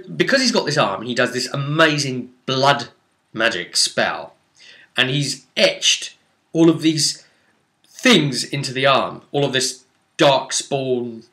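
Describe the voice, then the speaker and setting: This is a game master recounting a tabletop fantasy game like a tale, throwing in rhetorical asides to whoever is listening. His voice is medium in pitch, bright, and forceful.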